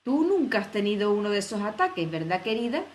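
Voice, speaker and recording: A woman's voice: medium pitch, very animated, fast talker, slight background noise, close to an everyday voice. A woman voicing a pompous, self-satisfied fairy-tale king who is pleased with his own jokes, in a children's audio story. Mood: coaxing.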